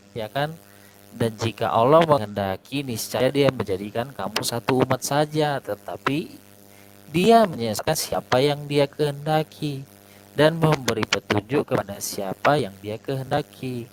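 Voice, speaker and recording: Man, debater on a glitchy voice call with his voice dropping in and out, measured and methodical, noisy hum. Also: medium pitch. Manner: methodical, quotes verses, hesitates with eh. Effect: voice breaking up over a bad online connection. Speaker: debater in an online voice-chat religious debate. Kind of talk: argumentative debate over a voice chat.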